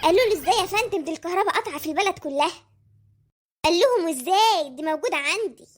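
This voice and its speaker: A woman's voice: very high voice, expressive, very fast. A woman voicing a cheeky, boastful young boy in an Egyptian cartoon, with an Egyptian Arabic accent. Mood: eager telling. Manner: boastful, chatty. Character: cheeky clever young boy, mother's son.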